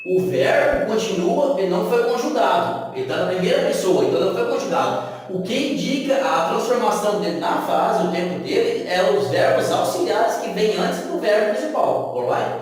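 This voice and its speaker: A Brazilian man teaching English, repeating phrases slowly and often half-singing the drills. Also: high voice, lively intonation. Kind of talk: language lesson with repetition drills. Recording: echoey room, distant mic.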